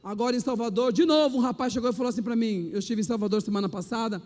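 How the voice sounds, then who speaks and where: High-pitched preacher in echoing church. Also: male voice, very fast. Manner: animated, preacherly, acts out quotes with voice shifts. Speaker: pastor. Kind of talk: testimony sermon. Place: church hall. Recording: long hall reverb.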